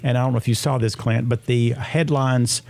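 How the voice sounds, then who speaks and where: A man's voice: medium pitch, steady tone, a little fast, creaky, a little mellow. A man in his sixties hosting a radio show, talking casually about health. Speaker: radio host.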